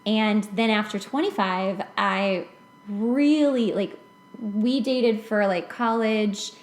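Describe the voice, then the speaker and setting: This podcast host, an American woman in her late twenties, speaks slowly at a medium pitch from an echoey room. She shares personal anecdotes casually, chatting and poking fun at herself.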